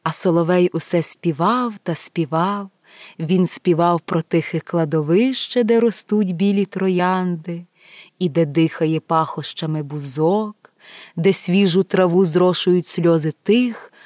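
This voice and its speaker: A woman reads a fairy tale aloud at a slow, careful pace, her voice hushed and often slipping into a whisper. The recording is close and dry, with no room sound. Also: fairly low pitch, no echo. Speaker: storyteller.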